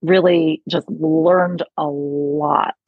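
A woman's voice: sits low, steady tone, extremely slow, breathy edge, no echo, phone-quality sound. A woman with an upstate New York accent, a speech therapist chatting as a guest in an interview, laughing often and using many fillers. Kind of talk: conversational interview.

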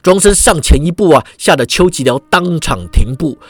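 A man telling a martial-arts story in an animated way, drawing out particles at line ends. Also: on the high side, slightly rough, no echo. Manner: animated, many drawn-out particles.

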